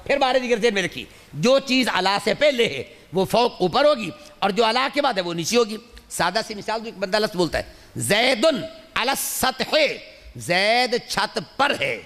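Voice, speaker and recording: High-voiced man preaching in a reverberant hall. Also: a bit bright. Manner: asks the audience questions and answers them himself; repeats key phrases for emphasis. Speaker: Islamic scholar and preacher. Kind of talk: sermon.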